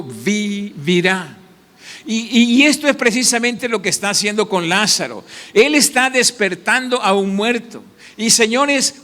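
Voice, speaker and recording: A man preaching a sermon with a high, bright, ringing voice. He fires questions at his congregation and answers them himself. The sound carries a long echo from a church hall. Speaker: pastor.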